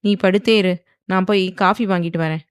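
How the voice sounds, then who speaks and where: A woman voicing a forceful, possessive young husband who speaks in a stern, commanding way in a storybook. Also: mid-range voice, steady tone, a little fast, clean tone, dry recording, clean studio sound, lightly acted.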